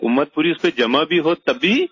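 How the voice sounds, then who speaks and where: A man's voice: a little high, expressive, a bit bright, dull audio. Argumentative man asking rhetorical questions. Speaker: religious teacher. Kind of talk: didactic debate chat.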